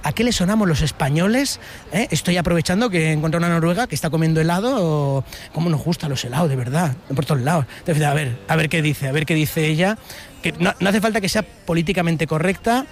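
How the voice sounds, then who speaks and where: A man's voice: a little high, slight background noise. A man interviewing passers-by on a city street in a chatty, teasing way. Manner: chatty, teasing, quick asides. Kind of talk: playful street vox pop.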